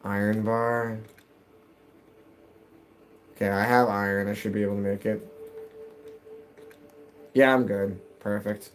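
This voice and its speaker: A man's voice: fairly low pitch, level tone, slow pace, long pauses, soft background music. A man in his thirties chatting casually while gaming on a live stream, answering chat and muttering to himself as he plays, from his home basement.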